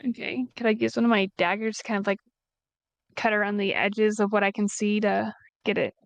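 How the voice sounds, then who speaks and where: Female player, gravelly, casual and tentative, dry close mic. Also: medium pitch, fairly even intonation, a little fast, dry recording. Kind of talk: casual tabletop play.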